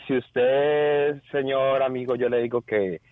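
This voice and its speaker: A man's voice: mid-range voice, fairly even intonation, slow pace, dry recording. Colombian guy calling in over a tinny phone line, joking around, talking right at the listeners. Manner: addresses listeners directly, laughing at his own jokes. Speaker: caller. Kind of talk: joking top-ten list over the phone.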